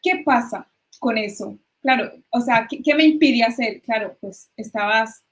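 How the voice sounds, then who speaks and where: A woman's voice: fairly high pitch, a little slow. A woman guest expert explaining ideas in a conversational interview, with hesitant restarts.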